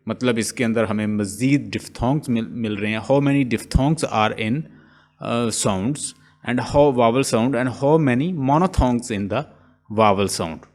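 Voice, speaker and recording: A man teaching an online phonetics lesson, explaining step by step and slowly drawing out example sounds. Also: mid-range voice. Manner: slow, explaining step by step, mixing English terms into speech; repeats and drawls out example sounds. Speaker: English linguistics teacher. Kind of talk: online lecture.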